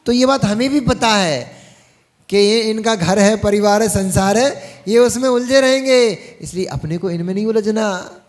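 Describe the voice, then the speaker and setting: Male monk preacher, high-pitched voice, folksy sermon with teasing asides to the audience. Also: a little slow.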